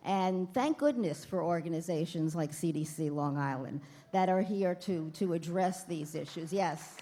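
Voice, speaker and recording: A woman's voice: lowish voice, normal speed, dark tone, a little hiss or hum. A woman in her fifties giving a chatty, self-deprecating speech at a gala, speaking to the crowd from a podium. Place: banquet hall.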